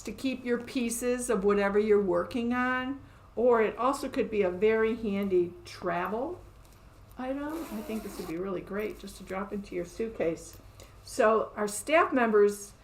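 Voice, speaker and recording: A chatty, upbeat woman hosts a live show from her quilt shop, pitched at an everyday middle level. She talks casually and laughs often as she shows things off. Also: a little slow.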